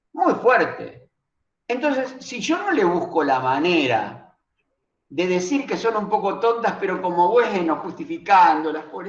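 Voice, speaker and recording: Slow, lively-pitched man lecturing in a roomy room. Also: dull audio. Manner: reflective, asks himself rhetorical questions. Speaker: teacher of a reading and writing course. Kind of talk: recorded lecture.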